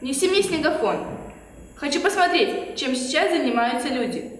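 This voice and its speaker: A woman's voice: high-pitched, expressive, normal speed. A woman playing a bored, spiteful, imperious snow queen in a children's stage play, haughty and scolding. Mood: irritated. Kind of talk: theatrical children's fairy-tale stage play. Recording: distant, very echoey hall, faint noise.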